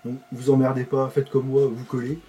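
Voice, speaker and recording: A man's voice: mid-range voice, monotone, a little fast, warm tone, dull audio. A man hosting a casual video, chatting as he assembles a model. He rambles with many fillers and repeated words. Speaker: host.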